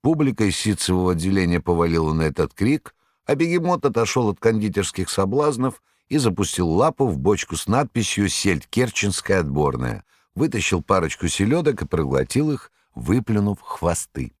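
A man reading a story aloud with lively, dramatic delivery. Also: deep voice, a little fast, no room sound, clean studio sound. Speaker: narrator. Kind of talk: scripted narration.

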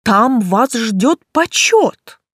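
A woman's voice: a little high, big pitch swings, drawn-out words, fairly bright tone, breathy edge, no echo, studio quality, voice pushed up, exaggerated voice. Woman doing a snide arrogant count. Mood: pompous. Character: spiteful arrogant male count, middle-aged.

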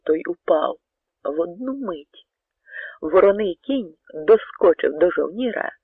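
A male storyteller reads a dramatic tale, dropping to hushed tones and then pressing hard on key words. His voice sits a little high for a man, with gravel and a husky edge. The sound is narrow and phone-like, close and dry. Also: no room sound. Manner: dramatic, swinging between hushed and emphatic. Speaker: narrator. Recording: narrow tinny radio recording, dry.

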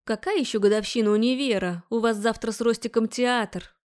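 A woman's voice: mid-range voice, animated, brisk, close to an everyday voice. A woman doing a scolding, suspicious mother. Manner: scolding, sarcastic, raised voice. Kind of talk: audiobook character voice.

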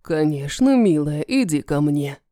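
A woman's voice: low voice, expressive, warm tone, dry recording, clean studio sound, pitched below the performer's own voice. Woman voicing a cruel ancient dragon man. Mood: menacing. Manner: slow, sneering, menacing. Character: cruel ancient male dragon lord, mocking.

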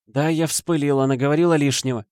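Grieving mother, pleading and emotional, raised pitch, dry audiobook read, voiced by a man. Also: moderate pace, darkish tone, no room sound, close to an everyday voice.

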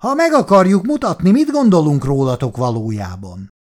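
A man voicing a hostile, sneering drunk colonist who hisses and shouts. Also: high voice, huge pitch swings, husky, voice pushed up, exaggerated voice. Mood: menacing. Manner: hissing, shouting, mocking.

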